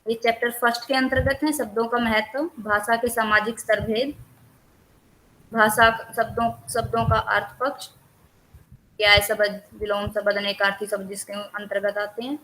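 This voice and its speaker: A woman teacher running an online class, going through a list of chapter topics at a steady, even pace. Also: medium pitch, a little hiss or hum, rough recording. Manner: lists topics steadily with few pauses. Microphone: computer mic on a video call.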